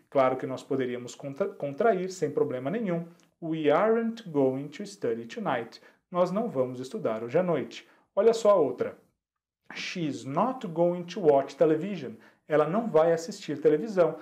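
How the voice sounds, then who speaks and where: Brazilian man, english teacher, online lesson, slightly high voice, mellow tone, patient, repeats examples. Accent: Brazilian Portuguese. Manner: checks in with the class often.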